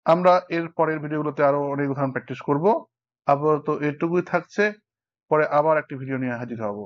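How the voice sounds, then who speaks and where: Male tutor, slightly high voice, counts syllables aloud, dull muffled audio. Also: quick pace. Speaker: teacher. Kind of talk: explanatory lesson. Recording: dull lo-fi recording.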